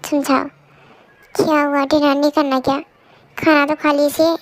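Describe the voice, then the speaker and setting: A devoted young wife in a fan-dubbed drama, as a young woman plays her. Her voice is high and light, and she speaks in an earnest, coaxing way. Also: level tone, moderate pace, lightly acted. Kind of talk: amateur fan dub drama.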